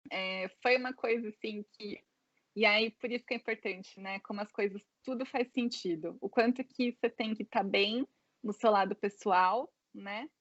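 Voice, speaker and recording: A Brazilian woman in her thirties, with a Brazilian Portuguese accent, tells her story as an interview guest. Her medium-pitched voice is a bit bright, and she chats casually, filling her speech with "né" and "é." The audio is dry and dull.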